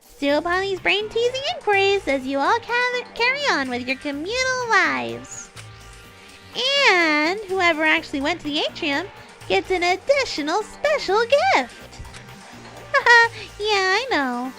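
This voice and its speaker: A woman's voice: extremely high pitch, sing-song, unhurried, bright, forceful tone, faint music behind, pitched above the performer's own voice, heavily acted. A woman voicing a gleefully sinister killing game announcer, mocking and singsong, toying with captives in a theatrical villain announcement. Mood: mockingly cheerful.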